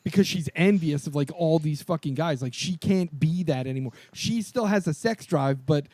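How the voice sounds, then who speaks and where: Male podcast co-host, slightly raised pitch, dry mic, excitable and profane. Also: moderate pace, dry recording. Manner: excited, swears a lot, laughs often. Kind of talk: casual movie discussion.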